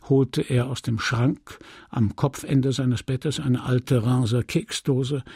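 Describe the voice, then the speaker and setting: A man reading a classic novel aloud in measured, deliberate scripted narration. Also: medium pitch, gravelly, dark tone, breathy edge, no room sound, studio quality. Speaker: audiobook reader.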